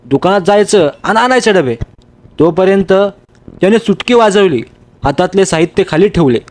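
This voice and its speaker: A man reading a story aloud in a steady, measured way. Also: high voice. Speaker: story reader. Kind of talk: storybook narration.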